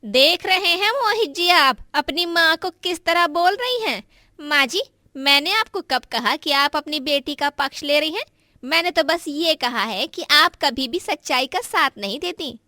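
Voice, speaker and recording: A woman voicing a sharp-tongued young daughter-in-law. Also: sits high, expressive, unhurried, no room sound, clean studio sound, exaggerated voice. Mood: sharp taunting. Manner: sharp, taunting.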